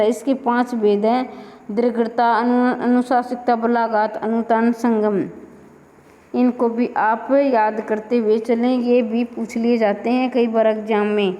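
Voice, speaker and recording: A woman's voice: fairly high pitch, warm tone, in a large hall. A woman teaching Hindi grammar for exams, who explains each point and then goes over it again as a likely test question. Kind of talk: exam-prep lecture.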